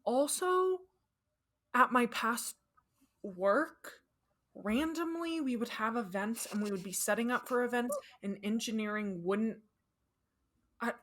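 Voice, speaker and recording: A young woman co-hosting a podcast in casual chat, agreeable and quick to laugh. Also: fairly high pitch, a bit bright. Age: young adult. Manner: agreeable, short replies, easy laughs. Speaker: podcast co-host.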